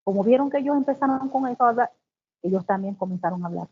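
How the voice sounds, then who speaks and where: A woman's voice: fairly high pitch, lively intonation, slightly rough. Woman teaching a devotional over tinny audio. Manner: reads scripture slowly, then explains with exclamations. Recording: tinny phone-like sound.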